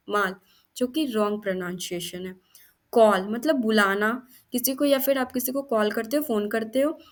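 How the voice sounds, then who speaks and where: A young woman teaching English phonics, slowly repeating each word and explaining its meaning. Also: on the high side. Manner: slow, repeats each word several times, gives meanings.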